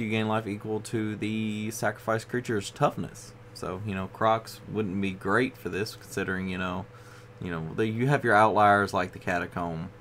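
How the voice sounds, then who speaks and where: A man's voice: on the low side, a bit bright, slight background noise. A man hosting a casual card review video, tired and yawning as he rambles along with frequent fillers. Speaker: card game video host.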